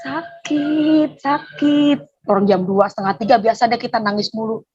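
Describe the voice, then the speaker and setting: A woman's voice: medium pitch, flat delivery, fast talker, a little mellow, husky, muffled recording, faint music behind. A woman giving a personal faith testimony, telling her story with animation and acting out the dialogue. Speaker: testimony speaker.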